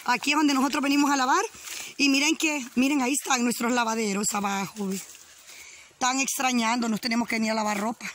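A woman's voice: on the high side, steady tone, quick pace, a bit bright, a little hiss or hum. A Honduran woman chatting and teasing as she films a walk along a rural riverbank, laughing often. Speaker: vlogger. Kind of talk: casual walking vlog. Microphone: handheld camera while walking.

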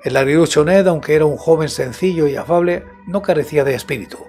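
An elderly man, an audiobook narrator who hosts a horror story show, reads a scripted horror tale with deliberate, measured delivery. His voice is slightly high for a man with a darkish tone, and music plays in the background. He uses a close studio microphone with headset monitoring.

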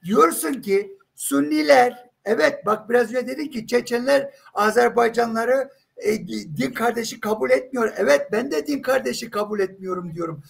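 A man's voice: very high-pitched, moderate pace, vocal fry, breathy edge. A man in a heated live religious debate, insistent and emphatic, pressing with rhetorical questions.

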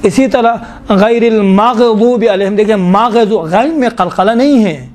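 A man teaching a tajweed lesson to a class, explaining slowly, drawing out sounds and asking his students questions. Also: high voice, a little mellow. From Pakistan. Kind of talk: classroom Quran recitation lesson.

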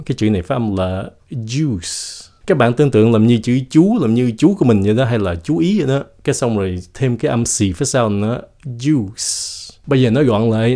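A man whose first language is Vietnamese, teaching English pronunciation in a casual video lesson, slowly and deliberately demonstrating each word. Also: mid-range voice, dark tone. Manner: slow, deliberate demonstration of words.

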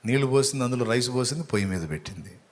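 A man's voice: medium pitch, animated, very fast. A man preaching a sermon, telling a story with sympathy for its people. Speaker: pastor.

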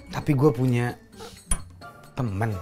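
A man's voice: mid-range voice, takes it slowly, dark tone, soft background music. A man co-hosting a casual podcast, telling loose stories and teasing his guest.

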